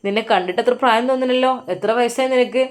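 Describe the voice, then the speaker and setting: A woman's voice: fairly high pitch, pitched above the performer's own voice, natural voice. A woman voicing a bossy male police officer in a told story, talking brusquely and mockingly. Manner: brusque, taunting, quick.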